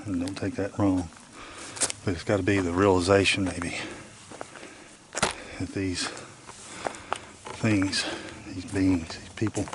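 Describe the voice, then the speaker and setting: Middle-aged man, low and slow, out of breath on a trail, noisy outdoor camera audio. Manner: often drops to a hush. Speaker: vlogger on a woods hike. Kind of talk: casual walking vlog. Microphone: handheld camera.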